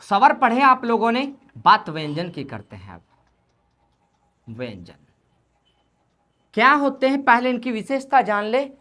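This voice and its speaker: A woman with a slightly high, sharp voice teaches Hindi grammar in a classroom lesson, very animated but unhurried, with long pauses. She repeats key points and poses questions that she then answers herself.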